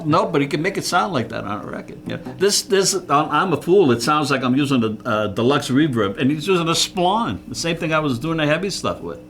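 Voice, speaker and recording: A man's voice: on the high side, expressive, brisk, few pauses, fairly bright tone, slight background noise. A man as a guest musician in a casual interview chat, rambling and repeating words as he tells stories. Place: local TV studio.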